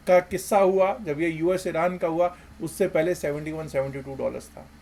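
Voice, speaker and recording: A man giving emphatic commentary as a market analysis host, with rhetorical questions and swings between loud and soft. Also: a little high.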